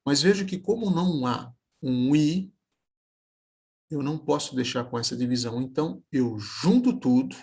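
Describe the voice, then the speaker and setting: A male teacher with a gravelly, husky voice, explaining a lesson at a measured pace. He stretches out example words slowly to show how they break apart. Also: mid-range voice, animated, a little mellow. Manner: slow, careful, spelling words out syllable by syllable.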